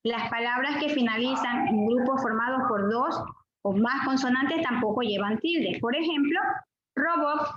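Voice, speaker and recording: A woman student reading out her part of a class presentation, listing rules and examples. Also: sits high. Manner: reads out rules and examples in a list-like way. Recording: echoey dull recording.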